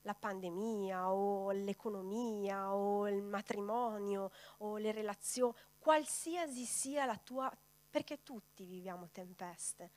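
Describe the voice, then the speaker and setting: A woman's voice: mid-range voice, slow pace, a little mellow. A woman preacher delivering a sermon, putting rhetorical questions straight to her congregation.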